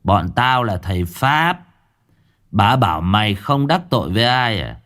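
A man voicing a cold, menacing young exorcist master who threatens in a slow, mock-sweet tone. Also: lowish voice, sing-song, fairly bright tone.

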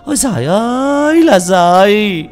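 A man voicing a furious middle-aged village woman who shrieks and wails curses in a high, loud voice. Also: sing-song, unhurried. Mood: shrieking fury. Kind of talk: audiobook character voice.

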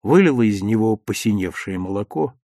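A man narrating a children's story with lively, expressive delivery. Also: on the low side, a little fast, dry recording, clean studio sound.

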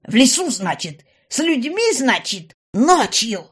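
A woman voicing a fat, furious female goblin mother in an audiobook, yelling slow drawn-out demands. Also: fairly low pitch, expressive. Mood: raging. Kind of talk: audiobook character voice.

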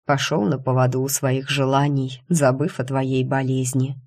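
A woman's voice: rumbling low, little pitch movement, normal speed, darkish tone. A woman voicing a fussy doctor husband. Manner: fussy and insistent about her health. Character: caring, anxious male doctor husband.

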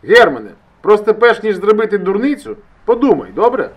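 A man voicing an agitated male friend who shouts down a phone line, pushy and swearing, in an audiobook. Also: fairly high pitch, wildly swooping pitch, fairly quick, husky, voice pushed up, full character voice. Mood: worried pleading. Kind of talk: audiobook character voice.

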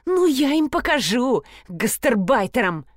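A woman voicing a brash, crude, squabbling rich blonde woman who talks in loud, shrill, slangy outbursts. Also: sing-song, unhurried, dry recording, clean studio sound, full character voice. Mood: indignant.

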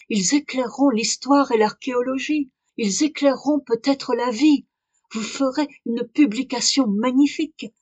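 A woman's voice: medium pitch, no echo, close to an everyday voice. A woman voicing an aristocratic male scholar, speaking with urgent, exalted passion.

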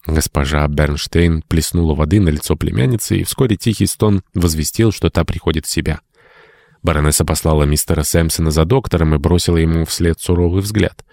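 A male audiobook narrator reads in a measured storytelling manner. His voice sits very low and deep. The recording is dry and close. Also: creaky, a little mellow, no echo. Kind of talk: scripted narration.

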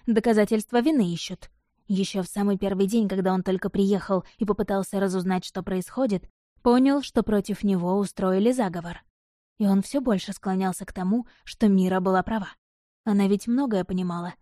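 A woman narrating a fantasy audiobook in a measured, even storytelling manner. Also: mid-range voice, dry recording, studio quality.

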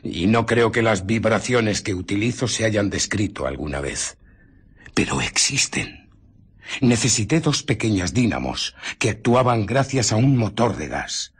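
An obsessive, secretive scientist in a radio play, with an accent from Spain. His deep voice is heavily husky and breathy. He tells his tale with theatrical intensity and dramatic swings of intonation. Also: lively intonation, unhurried. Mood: awed, intense. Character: obsessive, irritable male scientist, brooding and secretive. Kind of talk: Spanish radio drama acting.

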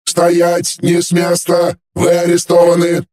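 Booming metallic police drone, put on by a male narrator, robotic, flat monotone commands, echoey. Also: measured pace. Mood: commanding. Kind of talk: audiobook character voice.

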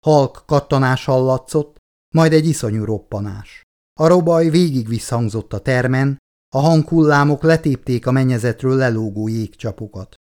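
A man narrating an audiobook in a measured, even reading. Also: mid-range voice, clear, resonant tone. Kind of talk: scripted narration.

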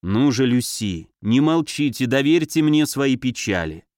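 A man voicing a passionate baron, speaking slowly in a gentle, coaxing way. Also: medium pitch, expressive, dry recording, studio quality, close to an everyday voice. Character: ardent male baron, tender and passionate suitor.

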